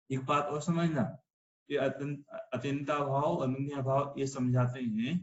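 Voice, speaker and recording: A man's voice: mid-range voice, a little mellow, reverberant, dull audio. A man teaching an online religious philosophy class, explaining patiently and asking rhetorical questions. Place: online video call class.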